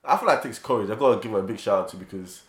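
A man's voice: fairly low pitch, very fast, heavy background noise. A man in his early twenties with an urban London roadman accent, bantering casually and bluntly in heavy slang. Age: early 20s. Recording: echoey room.

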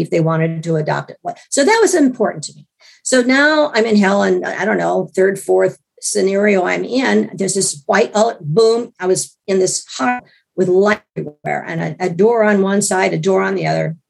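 A hoarse woman with a gravelly voice, recovering from illness, telling a personal story in an interview in a chatty way with many restarts and wry asides. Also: on the low side. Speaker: interview guest.

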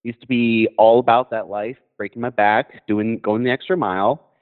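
A man from Colorado calling in to a talk show over the phone, speaking in a hesitant, halting way with many fillers and restarts. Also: on the low side, steady tone. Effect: heard over the phone. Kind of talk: casual call-in chat. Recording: tinny phone line.

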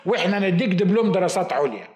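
A man's voice: sits high, expressive, very fast, a little mellow. Man doing woman college clerk, Egyptian accent, matter-of-fact, slightly raised voice, echoey hall. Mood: brisk. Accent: Egyptian Arabic. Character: brisk middle-aged woman college clerk.

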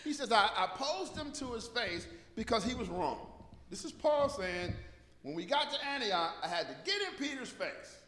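A man's voice: very high voice, sing-song, normal speed, sharp tone, slight background noise. An American man preaching informally to a congregation, repeating phrases for emphasis and calling for responses. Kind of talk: informal, conversational sermon with call and response. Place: large echoey room, preaching to a congregation. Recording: echoey hall with long reverb.

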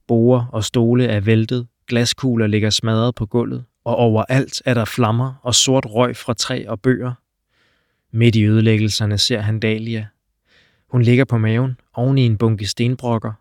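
A man narrating an audiobook, steady and measured in his delivery. His pitch sits in an ordinary middle range. The recording is dry, with no room echo.

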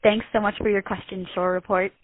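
A woman's voice: medium pitch, little pitch movement, fairly quick. A young woman leaving a peppy voicemail message over a phone line, calling in as a municipal clerk. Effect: heard over a phone line, leaving a voicemail. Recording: tinny dry phone line.

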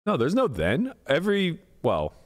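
A man in a loose podcast conversation, talking frankly and working through his thoughts out loud. His pitch rises and falls a lot, and he trails off into fillers before picking the thread back up. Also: wildly swooping pitch, normal speed. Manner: candid, rambling, trails off with fillers. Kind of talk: casual chat.

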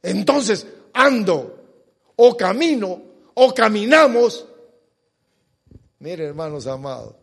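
High, lively preacher in a reverberant hall. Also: male voice, takes it slowly, vocal fry, long pauses, husky. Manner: emphatic preaching with rhetorical questions and stretched stressed words. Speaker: pastor. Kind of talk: sermon.

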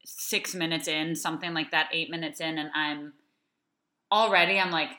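Bright-voiced host woman in an echoey room. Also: deep voice, fairly even intonation, normal speed. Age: around 30. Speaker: podcast host. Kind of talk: casual interview chat. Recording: roomy echo.

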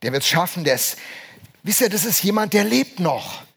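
High-voiced emphatic preaching man. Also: sing-song, moderate pace, vocal fry, fairly bright tone, breathy edge. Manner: emphatic, asks the congregation questions. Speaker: pastor. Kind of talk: sermon.

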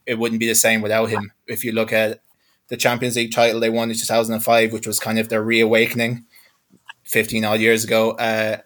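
A man's voice: fairly low pitch, completely flat delivery, brisk, fairly bright tone. A man in his twenties with a west of Ireland accent, a sports journalist talking fluently and reflectively as a guest in a football discussion. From Galway, west of Ireland. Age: 20s.

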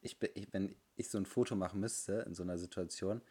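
A man's voice: sits low, fairly even intonation, fast talker, crowd noise. A young man co-hosting a casual podcast chat, teasing and rambling as he talks. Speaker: podcast co-host.

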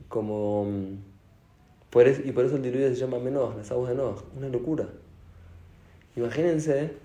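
A man with an Argentine accent giving a sermon as a rabbi, animated and asking his audience questions. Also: mid-range voice. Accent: Argentine Spanish. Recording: echoey room.

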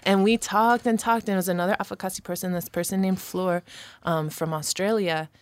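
A woman's voice: mid-range voice, fairly even intonation, brisk, dry recording. A woman guest from Rochester, New York, and Samoa, chatting casually and using slang. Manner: chatty, uses slang like hella. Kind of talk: casual interview.

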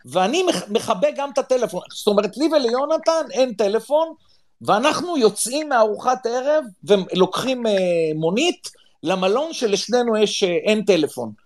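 A middle-aged man from Israel telling a story with drama, often urging his listeners to listen well. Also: very high voice. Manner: excitable, dramatic, swears, repeats "listen well". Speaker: podcast panelist. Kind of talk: animated storytelling.

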